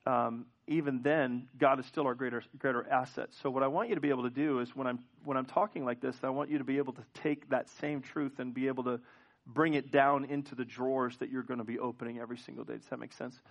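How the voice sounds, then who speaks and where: A man's voice: medium pitch, fairly even intonation, fast. A male pastor preaching a sermon in a church, asking the congregation questions and often restarting his sentences. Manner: frequent restarts and repeated words. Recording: dull lo-fi church recording.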